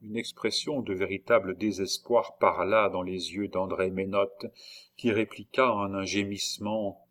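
A man reading a storybook aloud in a measured narrating voice. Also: low voice, steady tone, a bit bright.

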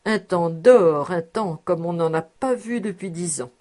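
Storybook role: woman reader as a jovial, stout, balding male tax collector, loud and hearty. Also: fairly low pitch, unhurried, natural voice. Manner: boisterous and hearty, laughing loudly. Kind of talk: audiobook character reading.

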